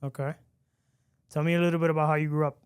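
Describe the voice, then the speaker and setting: A man's voice: on the high side, level tone, fast, clear, resonant tone, dry recording, clean studio sound. A man hosting a podcast interview in casual chat, easygoing and chatty with frequent restarts and laughs. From lives in Miami. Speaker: podcast host.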